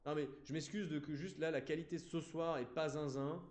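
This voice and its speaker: A man's voice: a little high, fairly even intonation, moderate pace, darkish tone, reverberant. A man live-streaming a game, chatting casually and apologizing to his viewers while leaning close to a desk mic in an empty room.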